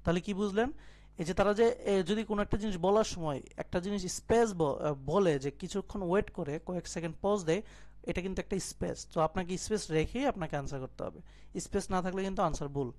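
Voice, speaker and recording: A man's voice: sits high, brisk, a little mellow. Young man tutoring an online class. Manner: explanatory, mixes in English words, checks in with students. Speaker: IELTS tutor. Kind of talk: live online class lecture.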